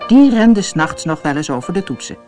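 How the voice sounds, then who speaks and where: A woman narrating a children's storybook with a low voice that swoops and lifts in lively melody. She tells it expressively, with soft music faintly under her. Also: brisk.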